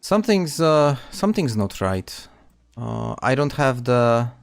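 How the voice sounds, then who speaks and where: A man's voice: medium pitch, very animated, measured pace, creaky, clear, resonant tone, no room sound. A man casually commenting on his gameplay stream, chatting with viewers and often restarting words.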